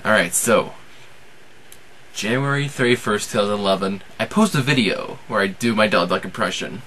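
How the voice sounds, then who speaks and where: Male, 20s, bright forceful voice, informal halting vlog host, slight background noise. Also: fairly low pitch. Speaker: amateur impressionist and video host. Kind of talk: casual how-to vlog.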